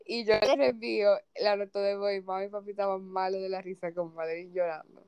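A young woman co-hosting a podcast in a relaxed, chatty way. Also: mid-range voice, brisk, smooth, dry recording, dull audio. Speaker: podcast co-host. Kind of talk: casual chat.

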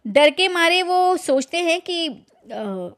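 A woman's voice: extremely high pitch, sing-song, slow, fairly bright tone. A woman reading a literary short story aloud, then talking it over in her own words with some hesitation. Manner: reads dramatically, then comments with fillers.

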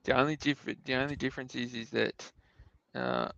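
An Australian man co-hosting a podcast of casual sports betting chat, with a hesitant, halting delivery. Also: medium pitch, fairly even intonation, vocal fry, a bit bright. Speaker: podcast co-host. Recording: dull, close dry sound.

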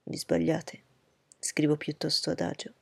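A woman voicing a proud, reserved gentleman. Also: deep voice, monotone, creaky, breathy edge, no echo, full character voice. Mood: cool. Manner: cool, measured, lecturing.

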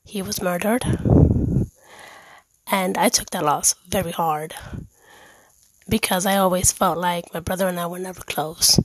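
A woman's voice: fairly low pitch, fairly even intonation, unhurried, long pauses, breathy edge, no echo, rough recording. A woman hosting her own podcast, talking candidly and earnestly about her life in a heartfelt monologue. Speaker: podcast host.

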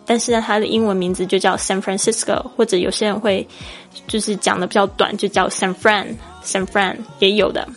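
A woman from Taiwan with a Taiwanese Mandarin accent, hosting a podcast English lesson in a chatty, explaining way and spelling words out letter by letter. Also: medium pitch. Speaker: English teacher and podcast host.

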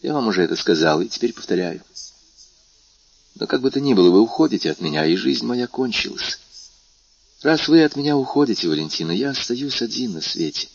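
A man reading a novel aloud and voicing a young man who calmly and solemnly says farewell to the woman he loves. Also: fairly quick, creaky, husky. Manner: calm, solemn, low-voiced. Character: young man, grave and resigned lover. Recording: dull lo-fi recording.

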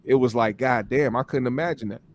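A man's voice: mid-range voice, fairly quick, a little mellow. A young man co-hosting a casual podcast, talking things through in a reflective way. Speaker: podcast co-host.

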